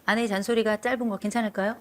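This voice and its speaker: A woman's voice: medium pitch, steady tone, rapid-fire. A middle-aged woman counseling a couple on TV, lecturing firmly and scolding. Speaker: marriage counselor. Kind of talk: TV counseling session. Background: background music.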